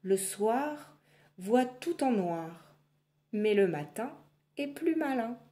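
A woman voicing a kind little magic doll in a storybook reading, calm and gentle. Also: on the high side, slow pace, voice pushed up. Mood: soothing.

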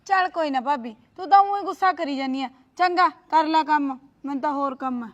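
A woman's voice: sits high, a little fast, lo-fi sound, close to an everyday voice. A woman playing a sly young sister-in-law who coaxes and needles. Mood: needling. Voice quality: coaxing, needling. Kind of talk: short family drama.

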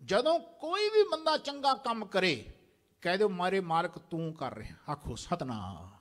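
High, lively-voiced man preaching in a hall. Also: unhurried. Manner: exhorting, has the congregation repeat lines after him. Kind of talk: sermon. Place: large temple prayer hall. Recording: long hall reverb.

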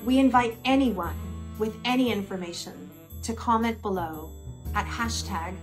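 A woman delivers a formal scripted statement for a brand. She speaks in a solemn, measured tone at a middle pitch. Clear music plays underneath her voice. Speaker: brand spokesperson.

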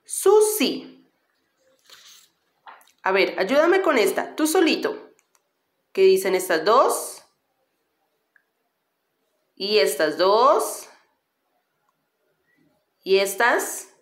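A woman, a kindergarten teacher leading children through a slow syllable-by-syllable reading drill, patient and encouraging. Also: mid-range voice, sing-song. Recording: echoey room.

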